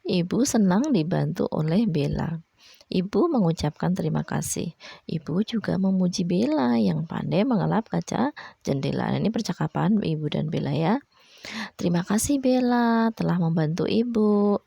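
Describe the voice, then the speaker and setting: A woman's voice: on the low side, animated, normal speed, creaky, warm tone, husky, no room sound, highs cut off. A woman primary school teacher, patiently explaining a lesson to children and ending her phrases with a friendly "ya". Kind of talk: online class lesson.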